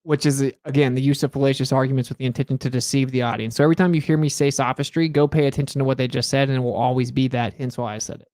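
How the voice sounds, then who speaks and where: A man's voice: mid-range voice, fairly even intonation, rapid-fire, hardly any pauses, darkish tone, no echo. A man hosting a reaction commentary, mocking and sarcastic as he picks apart clips. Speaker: show host reacting to clips.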